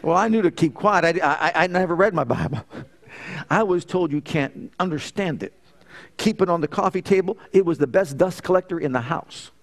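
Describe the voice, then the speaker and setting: Preaching at normal speed in a voice that sits high, a middle-aged man delivers an emphatic sermon. He groups phrases in threes and recounts personal stories, quoting the dialogue within them.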